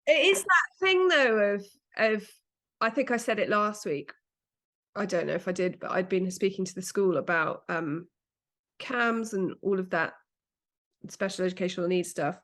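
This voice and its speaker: A woman's voice: mid-range voice, normal speed, fairly bright tone. A woman co-hosting a podcast in casual chat, talking in rambling, self-correcting runs. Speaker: podcast co-host.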